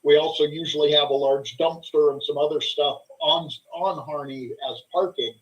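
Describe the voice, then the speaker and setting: Man, higher register, hesitant explainer in an informal meeting; muffled recording. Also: fairly even intonation, moderate pace. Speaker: fair board meeting participant, organizer. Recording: muffled, low-fidelity meeting audio.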